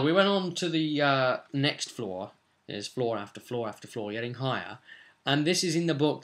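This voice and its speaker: A man in his twenties with a mid-range, fairly bright voice sits at his desk in a small furnished room at home. Speaking informally and off the cuff, he recaps a tabletop role-playing game session in a rambling, conversational way.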